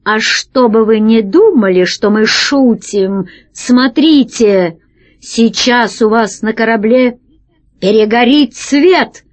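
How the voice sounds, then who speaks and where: A woman voicing a small, quiet but stern male alien who foresees disasters, in a measured storybook reading. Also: fairly high pitch. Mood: stern, solemn. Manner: soft, measured, then stern and ominous.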